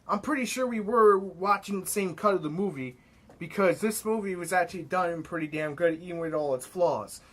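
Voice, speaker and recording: Young male reviewer from New York, slightly high voice, casual and profane. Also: normal speed. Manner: excitable, blunt, swears freely. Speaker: movie reviewer. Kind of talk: casual spoken film review.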